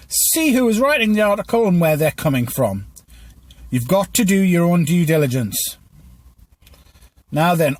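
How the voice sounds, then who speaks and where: A man's voice: sits high, dry recording. A man hosting a news commentary podcast, reading from a script in a stilted, teleprompter-like way with small stumbles. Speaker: podcast host.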